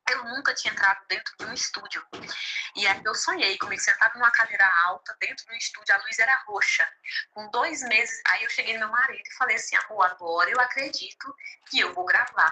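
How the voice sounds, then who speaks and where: A Brazilian woman, a gospel singer and preacher, telling her testimony in an interview with lively storytelling, often quoting what others said to her. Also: mid-range voice, a little fast, slight background noise, rough recording. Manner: lively storytelling, quotes others, laughs easily.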